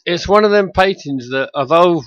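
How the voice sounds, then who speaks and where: A man chatting on a radio show over a garbled, muffled line that makes him sound underwater, speaking in a halting, hesitant way. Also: on the high side, animated, fairly bright tone, no room sound. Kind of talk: casual radio chat. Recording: muffled phone line, dry.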